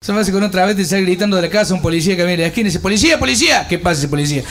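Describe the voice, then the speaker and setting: High-voiced Cordoban man telling jokes. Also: steady tone, slight background noise. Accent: Cordoban Argentine Spanish. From Córdoba, Argentina. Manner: rapid-fire jokes with voiced characters and laughing. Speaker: stand-up comedian. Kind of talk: joke-telling stand-up.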